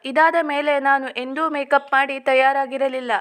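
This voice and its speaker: A woman tells a first-person story in a steady, even storybook reading. Her voice sits high and hardly moves in pitch. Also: moderate pace. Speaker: story narrator.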